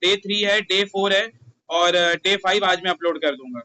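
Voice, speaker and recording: Young male commerce tutor, Indian accent, bright high voice, chatty and teasing, faint room noise. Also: moderate pace, poor audio. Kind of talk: casual classroom talk.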